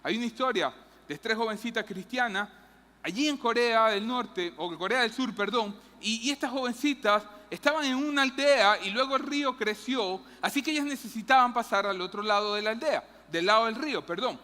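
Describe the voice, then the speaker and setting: A woman preaching a lively sermon in a church, acting out Bible characters. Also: a little high, normal speed, in a large hall. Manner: animated, acts out Bible characters' lines, jokes with the audience. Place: church hall.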